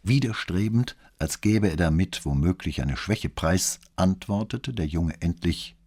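Deep husky male audiobook narrator. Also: animated, a little slow, a little mellow. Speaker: audiobook reader.

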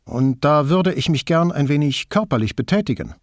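A man's voice: fairly high pitch, animated, normal speed, no echo, studio quality, voice pushed up, lightly acted. A man reading an audiobook, voicing a curious, city-bred police inspector with a raised, eager, questioning tone. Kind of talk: audiobook character voice.

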